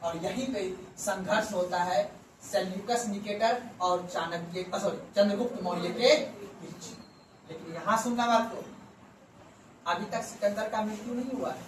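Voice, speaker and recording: A male history teacher giving a classroom lecture, who keeps asking the class questions, answers them himself and repeats key words for emphasis. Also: extremely high pitch. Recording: echoey room from far off with faint background hum.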